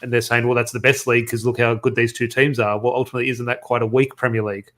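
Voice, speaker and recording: An Englishman talking football on a podcast at a quick clip. He rambles and restarts his sentences a lot, with the easy tone of a casual chat between mates. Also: medium pitch, flat delivery, a bit bright. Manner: rambling, stumbles and restarts often. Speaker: podcast co-host.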